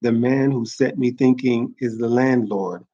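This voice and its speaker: A man's voice: medium pitch, steady tone, a little slow, warm tone, close to an everyday voice. Fearless older village man, serious and insistent, read aloud by a male host; everyday voice, dull lo-fi sound.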